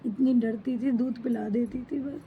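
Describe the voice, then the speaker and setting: A woman's voice: a little high, steady tone, moderate pace, a little hiss or hum. Grieving mother in a dull home recording. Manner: grieving, speaks in short broken phrases. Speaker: mother mourning a pet. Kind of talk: emotional personal account to camera.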